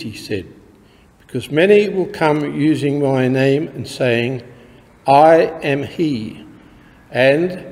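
A man with an Australian accent, a priest reading the Gospel at Mass in a slow, measured way, his voice ringing with cathedral echo. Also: fairly high pitch, warm tone. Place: large church. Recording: long cathedral reverb.

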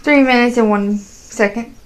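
A woman's voice: fairly high pitch, unhurried. A woman in casual banter, blunt and mocking as she teases someone from behind the camera. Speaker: camera operator. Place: small bathroom, behind the handheld camera.

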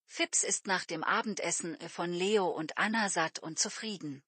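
Slow, bright-voiced woman narrating a story. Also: medium pitch, no room sound. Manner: clear, carefully paced storytelling with light character voices. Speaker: audiobook narrator. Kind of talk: slow scripted narration for German learners.

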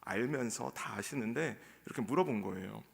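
Pastor, male, preaching in a gravel-edged voice that echoes in a reverberant sanctuary. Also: a little fast. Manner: acts out quoted lines in a raised pitch. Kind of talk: sermon. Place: church sanctuary. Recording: long church hall reverb.

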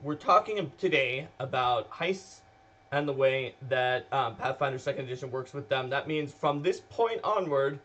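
A man's voice: mid-range voice, moderate pace, fairly bright tone, highs cut off. A man co-hosting a casual chat show, talking in a chatty, rambling way with many fillers. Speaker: podcast co-host.

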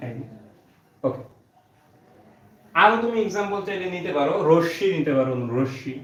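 A man's voice: on the high side, animated, normal speed. A male teacher walks through each rule step by step and says every point twice. The sound is roomy and dull, with a lo-fi edge. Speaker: Bangla teacher. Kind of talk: online exam-prep lesson.

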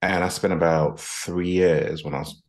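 Very deep-voiced man telling his story. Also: steady tone, normal speed. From Nigeria. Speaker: guest, executive coach. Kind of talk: reflective storytelling. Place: home office, video call. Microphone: headset.

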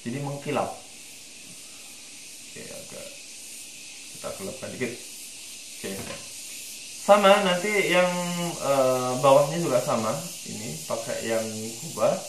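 A man's voice: medium pitch, creaky, echoey room, slight background noise, poor audio. A man from Indonesia guiding a screen-recorded 3D modeling tutorial, thinking aloud with lots of fillers. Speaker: tutorial instructor.

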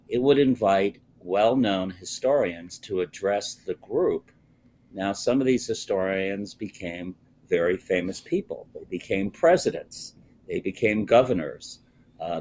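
Slow, low-voiced older man. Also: a little mellow, a little hiss or hum. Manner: slow, measured, frequent "uh" pauses. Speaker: guest. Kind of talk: live TV interview over video call. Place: indoors, wood-panelled office with bookshelves. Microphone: video call, webcam close up.

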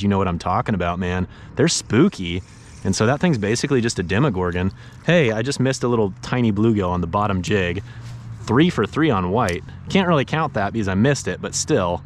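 A man in his thirties chatting casually on a fishing vlog from a kayak on a pond, easily excited and saying dude and bro. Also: on the low side, slight background noise. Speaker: fishing vlogger. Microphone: action camera mounted on the kayak.

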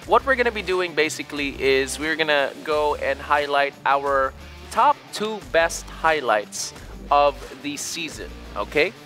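A man's voice: a little high, bright, forceful tone. A young man co-hosting a gaming show, chatting playfully and laughing with viewers and his co-host. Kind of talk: casual chat.

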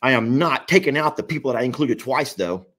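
Folksy man with a deep Southern Texas drawl. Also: expressive, brisk, a bit bright. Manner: folksy, rambling. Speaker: live stream co-host. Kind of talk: casual joking live chat. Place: living room at home.

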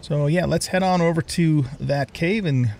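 A man's voice: fairly high pitch, moderate pace, gravelly, darkish tone. An older man hosting a let's play, chatting casually and thinking aloud with lots of fillers as he plays. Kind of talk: casual gameplay commentary.

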